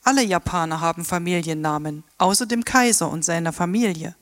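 A woman's voice: lowish voice, fairly quick, dry recording, clean studio sound, close to an everyday voice. An actress playing a polite, formal Japanese woman tour guide in a radio play.

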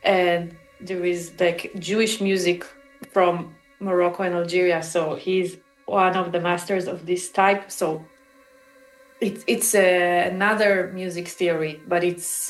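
A woman with an Israeli accent, interviewed as a musician and composer about her work, answers reflectively, halting and pausing mid-phrase as she searches for words. Her voice is on the low side, and the low-quality recording sounds roomy.

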